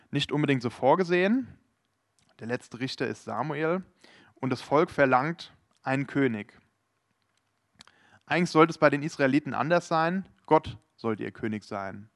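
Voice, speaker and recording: A man's voice: medium pitch, no room sound, clean studio sound. A man preaching a sermon, explaining scripture and earnestly addressing his listeners directly.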